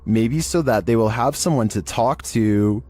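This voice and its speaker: A man's voice: medium pitch, measured pace, dark tone. A man reading a scripted narration about paranormal investigations as the narrator.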